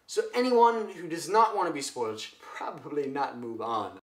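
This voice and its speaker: A man's voice: a little high, moderate pace. A young man talking casually about a book he loves, rambling with lots of fillers and acting out quotes. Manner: excitable, rambling, full of fillers, acts out quotes. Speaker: book vlogger. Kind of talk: casual book review vlog. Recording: echoey room.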